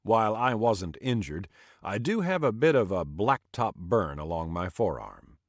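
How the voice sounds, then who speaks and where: A man reads a survival audiobook in scripted narration. His low voice rises and falls expressively as he shifts slightly for each character. The sound is dry and close. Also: sing-song, unhurried, no room sound. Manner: reads dialogue with small voice shifts per character.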